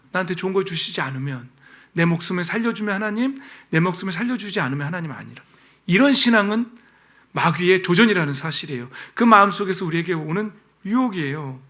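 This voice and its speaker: A middle-aged man preaches with fervor, his voice sitting a little high for a man. He presses his points with rising, pleading calls and then drops to near-whispers for urgent appeals. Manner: emphatic preaching, swings from loud pleading to hushed whispers. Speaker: pastor. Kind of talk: sermon.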